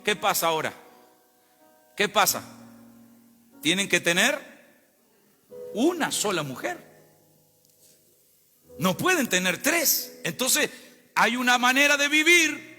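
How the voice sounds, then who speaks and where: A man preaches in a very high, piercingly bright voice, drawing the congregation in with questions and calls to answer. His voice rings through the long reverb of a church hall, with faint music underneath. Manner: call-and-response preaching to congregation. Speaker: pastor. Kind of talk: sermon. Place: church sanctuary.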